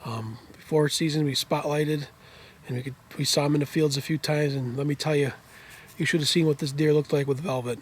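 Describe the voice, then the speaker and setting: Thrilled hunter man, higher voice. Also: steady tone, brisk, slight background noise. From Western New York. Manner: breathless, thrilled, rambling. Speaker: hunter filming his hunt. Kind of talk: excited outdoor vlog talk. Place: outdoors in woods and fields.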